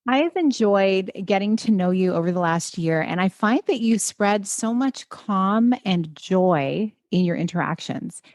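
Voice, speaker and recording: A health coach hosting a wellness podcast reads her intro and asks interview questions, sounding upbeat and encouraging. Her medium-pitched voice is expressive and darkish in tone, and she speaks unhurriedly with few pauses. There's no room sound.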